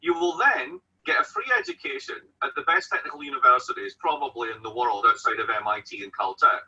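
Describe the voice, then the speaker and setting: A man's voice: medium pitch, very animated, fast talker, sharp tone, husky, far from the mic. A man with a broad Scottish accent, an economics professor arguing bluntly and colloquially, asking and answering his own questions. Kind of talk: animated spoken argument. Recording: dull radio-like sound, off mic.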